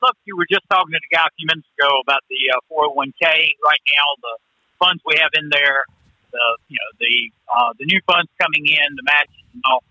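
Man, caller, buzzy glitchy phone audio, high voice, very bright and dry, halting restarts. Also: no room sound, low-quality recording. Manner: halting, restarts and trails through filler words. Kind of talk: call-in radio chat.

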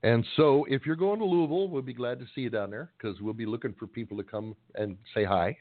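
Folksy middle-aged radio co-host on a phone line. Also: male voice, medium pitch, brisk, dry recording. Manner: rambling, folksy, joking. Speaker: co-host of a trucking call-in radio show. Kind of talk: casual radio banter. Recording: dry, tinny phone-line sound.

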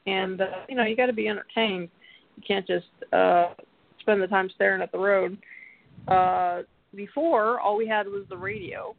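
A man hosting a casual radio talk show, talking through a bluetooth headset mic that cuts out over a phone line, in a rambling, relaxed way. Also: high-pitched, moderate pace, creaky, no echo. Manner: rambling, relaxed, filler-heavy. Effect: bluetooth headset mic over a phone line, cutting out. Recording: tinny dry phone line.

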